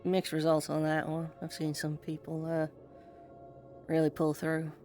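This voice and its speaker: A person playing a wry, teasing soldier on watch in a conversational improvised role-play, with a gravelly voice. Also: mid-range voice, monotone, unhurried, darkish tone, close to an everyday voice. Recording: faint music behind.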